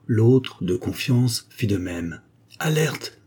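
Low, husky male audiobook narrator. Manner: steady, measured reading. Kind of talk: scripted narration.

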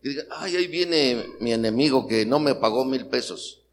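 A man's voice: medium pitch, animated, normal speed. A middle-aged Mexican man preaching a sermon, rousing the congregation with questions, in a Mexican Spanish accent. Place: church hall. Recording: long hall reverb, faint noise.

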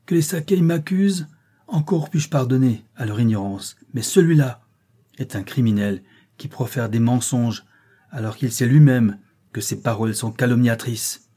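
A man voicing a desperate mother pleading loudly for her children. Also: mid-range voice, moderate pace, husky, close to an everyday voice. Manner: impassioned, crying out, pleading. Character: desperate European mother pleading before sultan.

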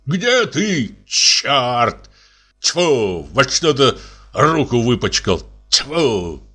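A man's voice: medium pitch, sing-song, very slow, pushed and bright, slightly rough, heavily acted. A man reading aloud and voicing a tipsy, worn-out husband who coaxes, curses and frets. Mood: flustered, frantic. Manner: wheedling, then cursing and exasperated. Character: tipsy, exhausted middle-aged husband, fussy and pleading.

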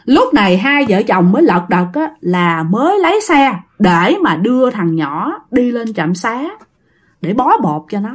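Woman storyteller, chatty, higher voice. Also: big pitch swings, measured pace. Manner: chatty, addresses listeners directly. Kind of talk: casual ghost story narration.

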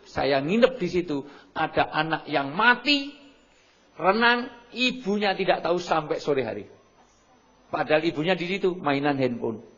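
Middle-aged man lecturing, lively. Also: on the high side. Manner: lively, acts out shouted examples, keeps apologizing politely. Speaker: seminar speaker. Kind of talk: lecture to an audience on parenting. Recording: muffled lo-fi recording.

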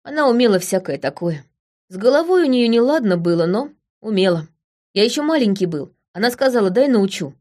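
A woman voicing a hurt young village man who confesses haltingly and repeats himself. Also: medium pitch, very animated, a little mellow. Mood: confessing.

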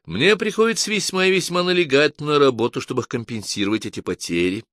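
A man voicing a detached man absorbed in thought, speaking slowly with a raised pitch. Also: animated, fairly bright tone, no room sound, clean studio sound. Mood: musing.

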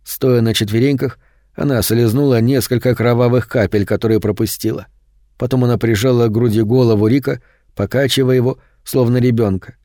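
A man narrating a horror audiobook in a steady, measured way. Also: medium pitch, no room sound, clean studio sound. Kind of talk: scripted narration.

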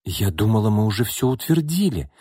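A man's voice: on the low side, big pitch swings, a little fast, dark tone, breathy edge, dry recording, studio quality. A man reading an audiobook voices a tired young woman who runs a construction firm, anxious and pleading. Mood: worried.

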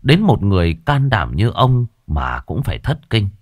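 A man narrating a horror story in a measured, expressive way. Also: lowish voice.

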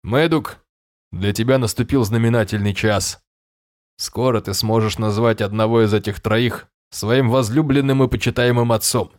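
A grumpy, drowsy fairy king, voiced by a male narrator. He speaks slowly and sounds irritable. It is read like a storybook. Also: medium pitch, fairly even intonation, lightly acted. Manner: irritable, drawling.

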